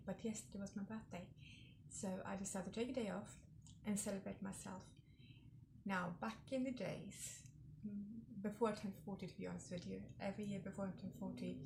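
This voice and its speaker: A woman's voice: mid-range voice, gravelly, background noise. A woman in her forties hosting her own vlog, telling personal stories in a reflective, chatty way with lots of fillers. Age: 40s. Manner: reflective, warm storytelling with frequent fillers. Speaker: vlog host.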